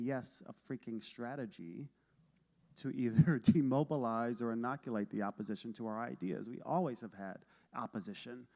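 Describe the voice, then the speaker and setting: A man's voice: mid-range voice, darkish tone. A man moderating a panel, wrapping up with appreciative remarks to each speaker. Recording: reverberant hall.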